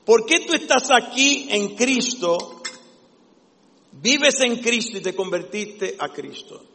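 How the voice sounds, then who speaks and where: A man's voice: extremely high pitch, animated, slow pace, sharp tone. A man preaching a sermon with fervent, emphatic delivery. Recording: long echo of a large hall.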